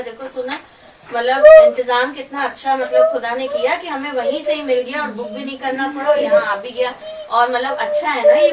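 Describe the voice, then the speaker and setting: A middle-aged woman giving a testimony to a congregation, telling a story and quoting what others said. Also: sits high. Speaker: church member giving testimony. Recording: echoey room from far off, noisy.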